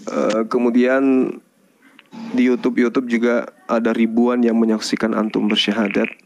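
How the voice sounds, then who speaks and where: Guy preaching on a live stream, goes slow and has people repeat after him. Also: medium pitch, flat delivery, dull audio, slight background noise. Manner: leads recitation phrase by phrase. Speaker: preacher guiding a conversion. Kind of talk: slow, measured religious guidance on a livestream.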